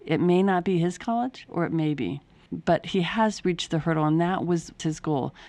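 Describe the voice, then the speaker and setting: Low, mellow-voiced woman guest. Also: animated, moderate pace, dry recording. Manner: earnest, explanatory, with restarts. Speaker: author and guest. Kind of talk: radio interview answers.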